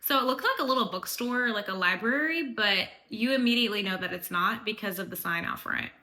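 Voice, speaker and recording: Chatty woman travel vlogger with a crisp, bright voice, casual recap. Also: medium pitch, animated, brisk. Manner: chatty, fills speech with "like".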